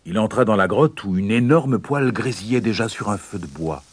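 A man reading a children's fairy tale aloud in an expressive, dramatic way. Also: lowish voice, normal speed, slightly rough. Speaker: narrator. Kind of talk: storybook narration.

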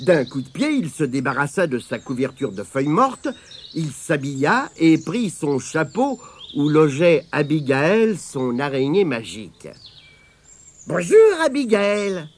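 Slow, expressive male storyteller. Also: a little high, a little hiss or hum. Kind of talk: children's story reading.

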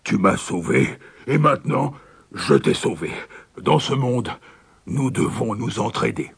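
A man's voice: mid-range voice, animated, measured pace, creaky, husky, heavily acted. A man voicing a grateful, kindly dog speaking earnestly. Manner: earnest, thankful.

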